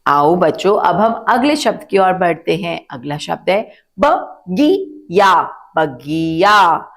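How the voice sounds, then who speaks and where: A woman's voice: on the low side, very animated, gravelly. A woman teacher giving a children's phonics lesson, stretching out syllables and asking the kids to repeat words. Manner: slow, drawn-out syllables, asks children to repeat.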